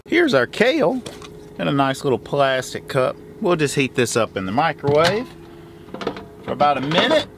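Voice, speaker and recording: A folksy trucker in his forties talks straight to a handheld camera. His voice runs a little high and swoops up and down a lot. Engine and road noise hum clearly behind him. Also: big pitch swings, moderate pace. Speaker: trucker vlogger. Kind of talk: casual cooking vlog. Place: truck sleeper cab, later outdoors at a fuel stop. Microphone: handheld camera close up. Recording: noisy truck and road ambience.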